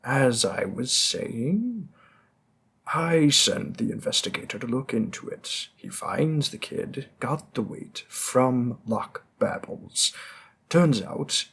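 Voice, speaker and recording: An audio roleplay performer plays a smug, flirtatious mob boss in a scripted scene, teasing a detective and dropping veiled threats. He commits fully to the character with a mid-range, gravelly voice that has a breathy edge.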